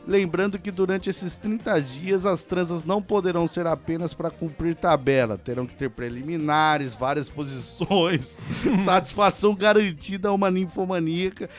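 A high-pitched man with a Brazilian Portuguese accent hosts a rowdy comedy podcast. He talks loudly and teases his co-hosts, with frequent bursts of laughter. Faint music plays underneath. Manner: loud, laughing, teasing. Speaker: podcast host. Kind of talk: casual comedy podcast chat.

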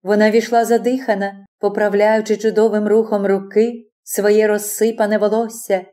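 A woman narrating a classic novel as an audiobook in a measured, expressive reading. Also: medium pitch. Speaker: audiobook reader.

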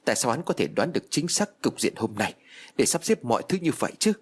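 A man voicing a stern, haughty male exorcist master in an audiobook ghost story, with a husky voice. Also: mid-range voice, very animated, fast. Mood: bitter. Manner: haughty, scolding.

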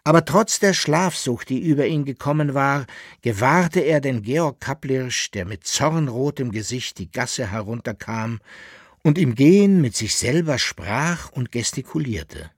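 A man reading a historical novel aloud in measured, expressive narration. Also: mid-range voice, slightly rough, no echo, studio quality. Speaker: audiobook reader. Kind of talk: literary reading.

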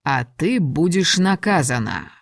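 Stern dragon lord, cold and clipped, read by a woman lowering her voice, dry studio tone. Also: very animated, measured pace, vocal fry, no echo, exaggerated voice. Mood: cold, angry. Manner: icy, clipped commands.

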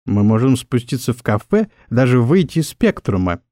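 A man's voice: mid-range voice, sing-song, moderate pace, mellow, no echo, clean studio sound, natural voice. A man voicing a tipsy, swaggering male office clerk who talks in a cocky, mock-tough way. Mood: smooth.

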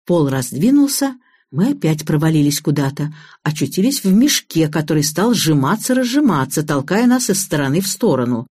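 A woman narrating an audiobook in the first person, in a lively, expressive way. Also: low voice, moderate pace, husky.

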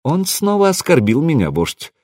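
A man voices an unflappable, laconic swordsman in a storybook reading. He speaks calmly and matter-of-factly, with lively pitch, in a dry close sound. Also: normal speed, no room sound. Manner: calm, matter-of-fact.

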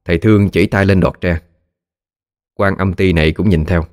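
Male storyteller, low voice, lively colloquial narration, dry audio over music. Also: moderate pace, clean tone, no room sound. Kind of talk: scripted ghost-story narration.

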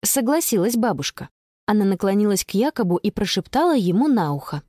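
A woman narrating a children's audiobook with expressive storytelling. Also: medium pitch, a little fast, no echo, clean studio sound. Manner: expressive storytelling, bright voice for the girl. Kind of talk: scripted narration.

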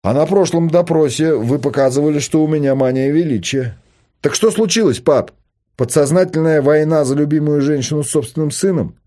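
A man reading a novel aloud, voicing a provocative adult son who needles and shouts at his father. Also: a little high, brisk, pitched above the performer's own voice, close to an everyday voice. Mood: needling. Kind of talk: audiobook character voice.

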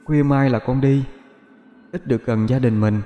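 A man voicing the homesick ghost of a dead young son, pleading softly. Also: mid-range voice, steady tone, moderate pace, roomy sound, in a large hall, soft background music, pitched above the performer's own voice, close to an everyday voice.

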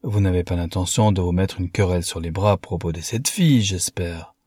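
A man's voice: low-pitched, a little fast, a little mellow, breathy edge, dry recording, studio quality. A man reading an audiobook, voicing a blunt American man who scolds his friend. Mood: reproachful. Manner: blunt, reproachful.

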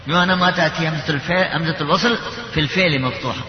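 A high-pitched man gives a tajwid lesson, explaining each rule through examples and slowly chanting verses. The sound is lo-fi and dull. A long reverb trails his words through a large hall. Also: a little hiss or hum. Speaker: tajwid teacher. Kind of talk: Quran recitation lesson.

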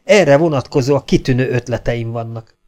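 A man reading an audiobook, voicing a gruff, grumbling legion sergeant who blusters and threatens. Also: mid-range voice, darkish tone, close to an everyday voice.

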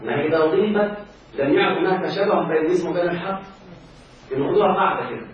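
His voice sits high and moves fast as he teaches Arabic grammar in a classroom with an Egyptian accent, repeatedly quizzing students on whether they follow. It's captured by a far-off mic in a very echoey space, sounding dull with faint hiss.

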